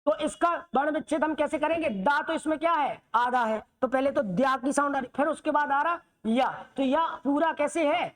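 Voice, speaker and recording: A woman's voice: high-pitched, normal speed, hardly any pauses. A woman teaching the Hindi alphabet in a classroom lesson, asking questions and answering them herself, often checking that students understand.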